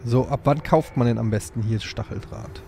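A man's voice: mid-range voice, moderate pace, vocal fry, warm tone, slight background noise. A man from Frankfurt chatting while playing a co-op game. He jokes around and asks lots of questions about how things work. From Frankfurt, Germany. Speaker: co-player. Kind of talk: casual gaming chat. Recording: game music underneath. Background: game music.

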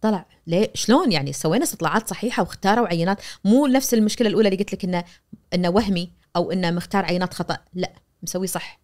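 Talking very fast, this woman in her forties, a media professor with a Kuwaiti Arabic accent, explains ideas with lively gestures on a studio podcast. When she quotes someone, she performs their voice. A boom-arm mic captures her.

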